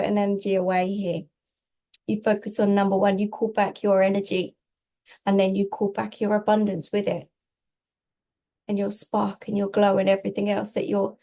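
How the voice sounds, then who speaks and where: Woman, tarot reader, soft mellow tone, mid-range pitch, reassuring, emphatic, short repeated phrases. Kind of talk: casual spiritual guidance monologue, tarot reading.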